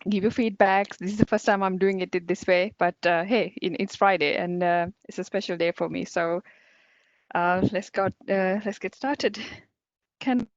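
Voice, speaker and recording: A Sri Lankan woman in her forties, a cybersecurity company director, speaks as a guest at an online conference, chatty and upbeat, with plenty of fillers and little laughs. Her mid-pitched voice is steady at a normal pace. The video call audio is dull and lo-fi, with no room sound.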